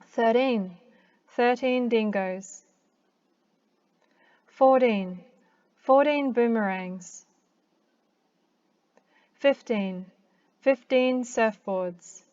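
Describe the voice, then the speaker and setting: Slow, high Australian woman counting aloud. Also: clean tone. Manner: slow deliberate word-by-word pronunciation with long pauses. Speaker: English accent teacher. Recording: dull lo-fi recording.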